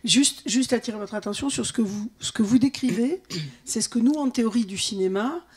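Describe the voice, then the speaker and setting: A woman's voice: a little high, brisk, darkish tone. A woman film scholar giving an explanatory comment from the audience during an academic discussion.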